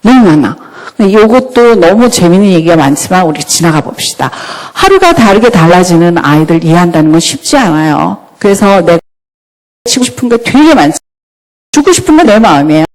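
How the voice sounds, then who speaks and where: A woman giving a church talk on parenting, lively and often asking the audience questions. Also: on the low side, brisk. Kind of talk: church lecture. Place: church hall. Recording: long hall reverb.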